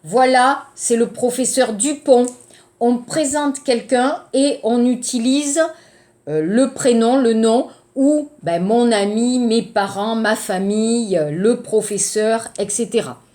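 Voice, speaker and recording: Woman teacher, slow deliberate grammar lesson, slightly high voice, frequent check-ins. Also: mellow. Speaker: French teacher.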